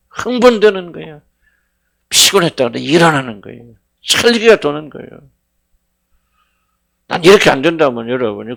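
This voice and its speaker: Fervent, gravelly middle-aged male pastor. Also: mid-range voice. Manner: fervent, swings between shouting and hushed tones; asks the congregation questions. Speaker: senior pastor. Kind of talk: sermon at a Friday prayer meeting.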